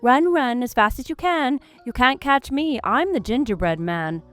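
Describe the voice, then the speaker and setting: A woman's voice: on the high side, expressive, moderate pace, fairly bright tone, faint music behind. A woman voicing a sassy little gingerbread cookie man who taunts in a sickly sweet sing-song. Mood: taunting.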